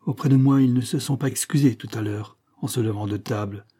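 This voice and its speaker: A man with a medium-pitched, slightly rough, natural voice reads aloud at normal speed, voicing an angry old husband. The character stammers and pleads in desperation, rising to loud outbursts.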